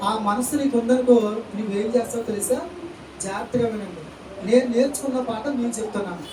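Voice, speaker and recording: A man preaches fast in an extremely high voice, throwing out rhetorical questions and calls of amen and hallelujah during a church sermon. He is recorded in an echoey church hall by a distant mic, with faint ambience and a noisy background.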